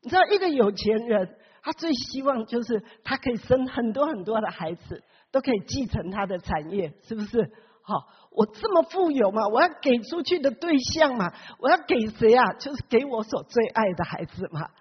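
A woman's voice: a little high, sing-song, moderate pace, slightly rough. A woman preaching a sermon who keeps asking the congregation questions and acts out the Bible characters with big swings in her voice. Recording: long hall reverb, dull lo-fi sound.

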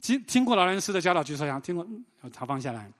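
A man pastor preaching a sermon in animated storytelling, often asking the congregation questions. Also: sits high, quick pace. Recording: long reverb of a large hall.

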